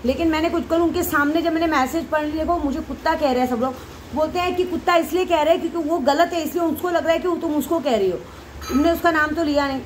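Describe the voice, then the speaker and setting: A high-pitched woman carrying talks straight to her followers. She goes round in circles, emotional and repetitive. Faint background noise sits under her voice. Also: fast, rough recording. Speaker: devotee leading night prayers. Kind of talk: casual monologue to followers.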